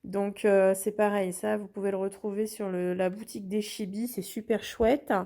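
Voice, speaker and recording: A woman's voice: medium pitch, little pitch movement, moderate pace, dark tone. A woman hosting a craft channel, chatting casually through an unboxing with lots of hesitations and restarts.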